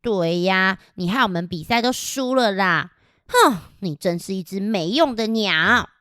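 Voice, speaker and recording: A woman's voice: mid-range voice, animated, measured pace, a bit bright, no room sound, clean studio sound. Woman as a huffy scolding little bird, toddler storytime. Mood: scornful.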